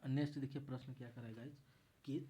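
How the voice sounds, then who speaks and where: A man's voice: medium pitch, fairly even intonation, fast talker, warm tone, a little hiss or hum. A man tutoring math in a casual exam-prep lesson, walking through each step and repeating himself as he explains.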